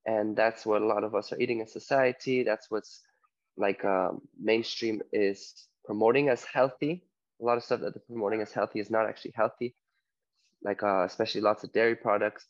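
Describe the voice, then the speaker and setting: Man from canada, guest coach, rambling casual talk, low voice, dull lo-fi call audio. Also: steady tone, brisk. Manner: loose, rambling with many fillers. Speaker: guest, detox health coach. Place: home on an island in Spain.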